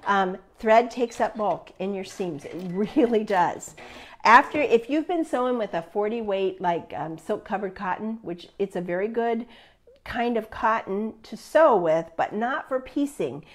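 A woman's voice: medium pitch, animated, unhurried. Chatty upbeat woman quilting teacher. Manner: chatty, upbeat, laughs often. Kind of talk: live online sewing class.

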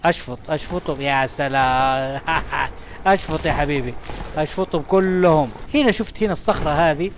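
A young man rattles through his let's-play commentary at a rapid clip. His voice sits a little high, and he keeps up an excitable, chatty patter, talking straight to the game and everything in it. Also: slight background noise. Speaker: gaming channel host.

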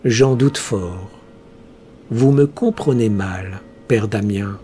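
A man voicing a cheerfully cunning male heretic priest, speaking slowly in a smooth, almost chanting way. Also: fairly low pitch, warm tone, soft background music. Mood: sly. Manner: slow, smooth, chanting delivery.

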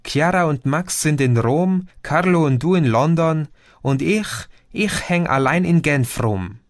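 A man's voice: a little high, expressive, measured pace, no echo, studio quality, voice pushed up. A man reading an audiobook, voicing a lonely young man who complains in a plaintive, self-pitying way.

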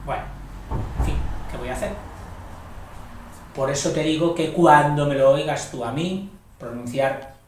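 A man from gives a slow, patient grammar lesson and often checks in with the listener. He speaks from some distance off the mic, and his voice rings in a very reverberant room. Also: a little high, slight background noise. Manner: explanatory, self-deprecating, frequent "¿eh?" checks. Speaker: English teacher.

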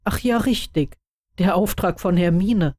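A woman narrating fan fiction in a calm, even storytelling voice. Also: lowish voice, unhurried, dry recording, studio quality. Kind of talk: audiobook reading of fan fiction.

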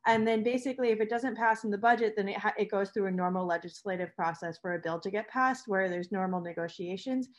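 Woman panelist who walks through the process haltingly, lots of ums. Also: medium pitch. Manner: explanatory, hesitant with many fillers.

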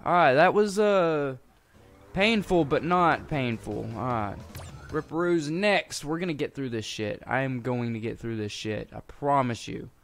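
A man's voice: mid-range voice, unhurried. Profane, rambling gamer guy. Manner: swears constantly, rambles, mutters, then erupts in frustrated outbursts. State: hungry and a bit grumpy. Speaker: gaming YouTuber. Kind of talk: profane casual let's-play commentary.

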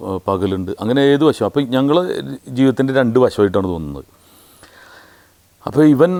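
A middle-aged man from Kerala with a Malayali accent, a comedian telling anecdotes about his career in casual, animated storytelling with a thin, squeezed voice. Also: on the low side. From Kerala, India. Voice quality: thin squeezed voice, which he says sounds like a duck grabbed by the neck. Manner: animated anecdotes with quick mimicry of other voices.

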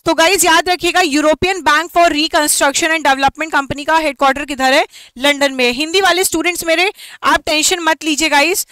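A woman's voice: high-pitched, steady tone, sharp tone, dry recording. A woman teaching an exam-prep quiz lesson online, repeating each question and mixing English phrases into her talk. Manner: reads English questions slowly and carefully.

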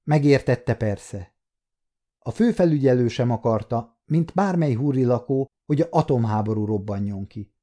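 A man reads an audiobook in steady, measured narration. His voice sits at a middle pitch with a warm, dark tone. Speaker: audiobook reader. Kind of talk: scripted narration.

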